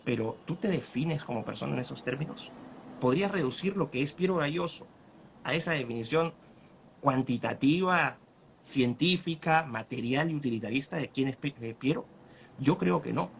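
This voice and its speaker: A man's voice: mid-range voice, expressive, normal speed, vocal fry, slight background noise. A man arguing his side in a live online debate over a video call, asking rhetorical questions. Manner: argumentative, asks rhetorical questions.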